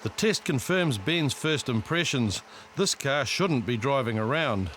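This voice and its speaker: Male documentary narrator, New Zealand accent, mid-range pitch, scripted delivery over clear background noise. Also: lively intonation, a little slow, a bit bright. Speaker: reality show narrator.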